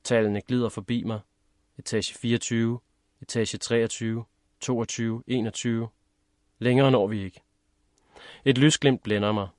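A man narrating a first-person story in a measured, steady reading. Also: medium pitch, dry recording, clean studio sound. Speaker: audiobook narrator.

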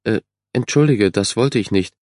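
Man doing a timid young girl, soft-spoken, slightly raised voice, storybook reading. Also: lowish voice, moderate pace, dry recording, clean studio sound, close to an everyday voice. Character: shy, insecure young girl.

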